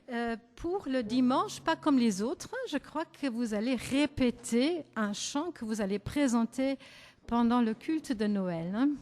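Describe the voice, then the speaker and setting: A woman with a German accent leading a church service, speaking gently and hesitantly with frequent pauses and self-corrections. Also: on the high side. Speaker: service leader. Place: church hall. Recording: long church-hall reverb.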